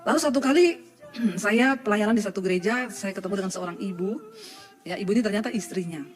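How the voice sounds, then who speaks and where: A woman's voice: medium pitch, fast talker, soft background music. A woman pastor giving a sermon before a live congregation, telling a personal story, joking, laughing and often speaking straight to her listeners.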